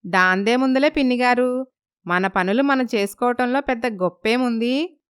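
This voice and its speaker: Dutiful young wife, woman voicing, gentle, polite, smooth. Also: a little high, normal speed, close to an everyday voice. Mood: modest. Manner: modest, polite.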